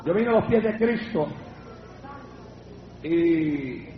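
High-voiced fervent pastor. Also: male voice, lively intonation, drawn-out words. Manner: fervent, acts out his own dialogue in the story. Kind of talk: Pentecostal sermon with testimony. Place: church service. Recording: echoey church with lo-fi sound and congregation.

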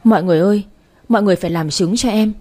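A furious jealous wife in a spoken storybook, abusive and screaming insults, as a woman narrator puts her on. Her voice stays mellow and slightly breathy. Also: medium pitch, racing, natural voice. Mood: wailing.

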